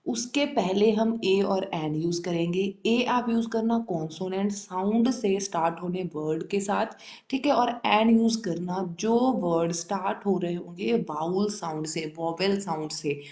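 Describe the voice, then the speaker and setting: A woman's voice: mid-range voice, a little slow, darkish tone. Female tutor with a medium voice, explaining step by step and checking comprehension, recorded in a reverberant room. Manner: checks understanding constantly, repeats key terms. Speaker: English grammar teacher. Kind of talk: classroom-style explanation.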